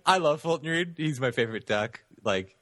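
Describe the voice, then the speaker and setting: A man's voice: a little high, expressive, moderate pace, a bit bright, no room sound, studio quality. A man co-hosting a podcast, chatting enthusiastically about a film and laughing easily. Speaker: podcast co-host. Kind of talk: casual chat.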